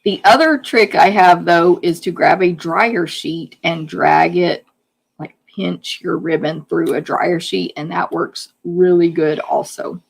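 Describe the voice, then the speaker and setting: A woman with a hoarse voice, chatting casually as she demonstrates a card-making project step by step. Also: on the low side, steady tone, slow. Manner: chatty, hands-on explaining while working. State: losing her voice. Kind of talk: live craft demonstration.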